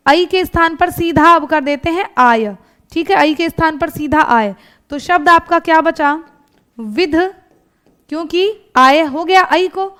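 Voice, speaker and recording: A woman's voice: extremely high pitch, a bit bright. A woman with a North Indian Hindi accent teaching an exam-prep grammar lesson step by step, asking rhetorical questions and often checking in with her students. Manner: often adds checking tags like "thik hai" and "hai na".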